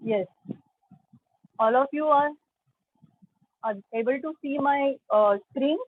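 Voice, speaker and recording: A woman's voice: high-pitched, slow. Indian woman teaching an online class. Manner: explains patiently, checks in with students, mixes Hindi with English. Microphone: video call. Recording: phone-like narrow sound.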